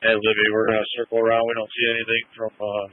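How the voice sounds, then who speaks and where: A man's voice: on the low side, monotone, very fast. A man serving as a fire crew officer, giving terse field reports over a two-way radio transmission. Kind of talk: radio fireground traffic. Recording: noisy, tinny radio line.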